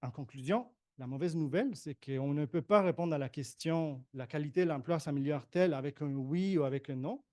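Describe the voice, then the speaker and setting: A man presents statistics at a conference, reading prepared text in a measured way. His voice sits somewhat high for a man. The sound is dry and close. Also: dark tone, no room sound. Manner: measured, reads figures with occasional hesitations.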